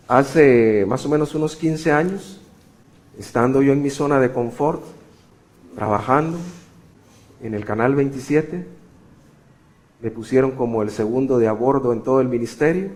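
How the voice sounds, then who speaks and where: A middle-aged man preaching a sermon, telling a personal story with sudden swings between loud emphasis and hushed passages. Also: mid-range voice, normal speed, pauses often. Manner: animated, shifting sharply between loud emphasis and quiet. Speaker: pastor.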